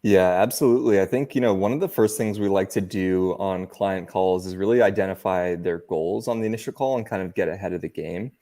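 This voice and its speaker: A man from San Francisco, interviewed as a guest in a webinar. His voice is low and mellow. He answers in a relaxed, measured way with easy fillers. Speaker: agency CEO, guest.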